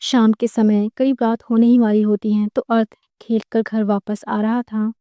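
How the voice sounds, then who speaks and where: A woman narrating a story for an audiobook, reading in a plain, steady way. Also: fairly high pitch, moderate pace, no echo.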